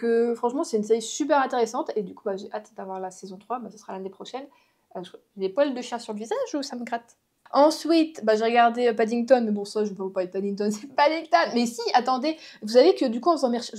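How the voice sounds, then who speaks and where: Woman vlogger, slightly high mellow voice, loose chatty delivery full of fillers. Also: quick pace. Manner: rambling, full of fillers and restarts; chatty, addresses viewers directly. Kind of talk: casual chat vlog.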